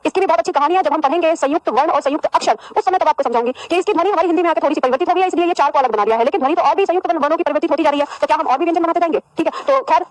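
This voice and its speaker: A woman teaching a Hindi grammar lesson to a class, asking questions and answering them herself, and repeating phrases slowly for students to write down. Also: sits high, dry recording, low-quality recording. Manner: addresses students as "beta", repeats phrases for dictation.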